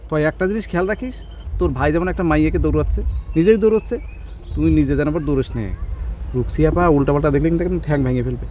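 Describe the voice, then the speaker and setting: An actor playing a teasing village friend in a comedy drama. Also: male voice, a little high, racing, dark tone, slight background noise, close to an everyday voice. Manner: teasing, playfully mocking.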